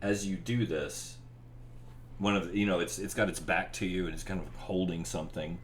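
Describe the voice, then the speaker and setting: A man running a tabletop horror fantasy game, narrating scenes informally in descriptive, drawn-out dramatic phrases. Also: low-pitched, steady tone, a little hiss or hum. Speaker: game master.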